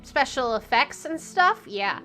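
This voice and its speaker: A woman's voice: high-pitched, big pitch swings, a little slow, bright, forceful tone, soft background music. A woman playing in a tabletop game, chatty and playful. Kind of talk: casual tabletop play.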